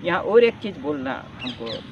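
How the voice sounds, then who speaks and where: Repeating key words as he earnestly explains, a man teaches a yoga lesson in a sing-song voice on the high side, at a moderate pace. The sound is dull and lo-fi, picked up off-mic from a distance, with faint noise from outdoors.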